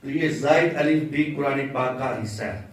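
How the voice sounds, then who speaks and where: A man teaching Quran recitation in a patient, step-by-step way, chanting example words slowly. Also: mid-range voice, very echoey, far from the mic, low-quality recording. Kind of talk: slow religious lesson with chanted examples.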